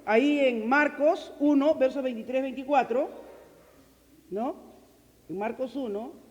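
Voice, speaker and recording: A woman preacher giving an emphatic sermon, full of rhetorical questions and swings from loud to quiet. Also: high-pitched, unhurried, in a large hall, dull audio.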